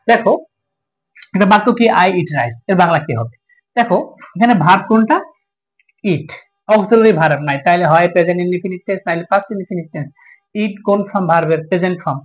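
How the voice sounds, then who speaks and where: Quick, high-voiced Bengali-accented teacher. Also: male voice, dull audio. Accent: Bangladeshi Bengali. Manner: rhetorical questions, answered himself. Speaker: English teacher. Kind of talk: classroom grammar lesson.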